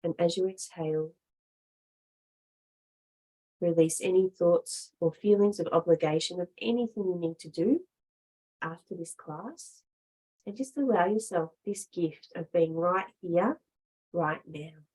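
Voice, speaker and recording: A yoga teacher with a fairly low, slightly mellow, husky voice leads a guided relaxation. She gives measured instructions in short phrases separated by long pauses, in a low-quality recording.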